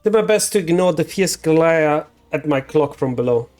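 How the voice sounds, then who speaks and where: A man's voice: a little high, animated, moderate pace, darkish tone, soft background music. A man streaming a game live, casually chatting, swearing and reading the lines aloud in translation.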